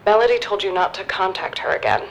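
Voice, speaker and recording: A woman's voice: medium pitch, quick pace, slight background noise, close to an everyday voice, low-quality recording. A woman playing a curt, guarded gatekeeper who speaks tersely and coldly. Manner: terse and cold.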